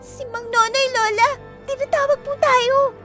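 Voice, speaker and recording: A woman voicing a young grandchild who is frightened but loyal, pleading tearfully in an animated storybook. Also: very high-pitched, a little slow, soft background music, exaggerated voice.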